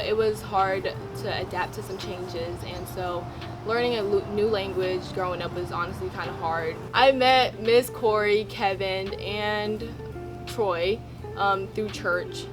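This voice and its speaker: A fifteen-year-old girl from Thailand, speaking casually in an interview with many "like" and "um" fillers. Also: medium pitch. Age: teens. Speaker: program participant.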